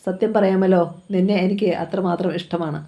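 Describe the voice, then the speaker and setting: A woman reading the lines of a scheming male killer who coaxes a woman with low, persuasive talk. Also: steady tone, brisk, warm tone, lightly acted. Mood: coaxing. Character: scheming smooth-talking male killer seducer.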